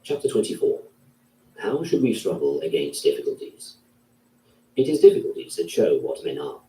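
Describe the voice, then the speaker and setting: A man's voice: low-pitched, sing-song, moderate pace, dark tone, slight background noise. Man reading solemnly in a roomy space. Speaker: narrator. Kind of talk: reading a classic philosophy text aloud. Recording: roomy, distant from the mic.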